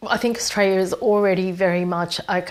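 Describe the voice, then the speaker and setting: A young woman from Fiji, a program manager, giving a hesitant, earnest talk from home with many pauses and fillers. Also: mid-range voice, steady tone. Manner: hesitant, many ums and restarts. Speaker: social impact program manager. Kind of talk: recorded personal talk from home.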